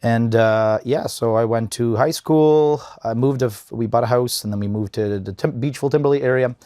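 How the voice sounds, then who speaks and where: A man's voice: mid-range voice, moderate pace, warm tone, no room sound, studio quality. A man in his thirties from Bosnia, a podcast guest in casual interview talk, often restarting and repeating words. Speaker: podcast guest, event company owner.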